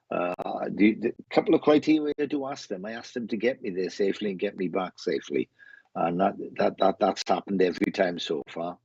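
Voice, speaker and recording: In a casual live chat, a man with a Welsh accent hosts an online show as a medium, rambling through greetings and frequently repeating his words. His voice sits low with a darkish, slightly rough tone, and the stream sounds muffled and roomy.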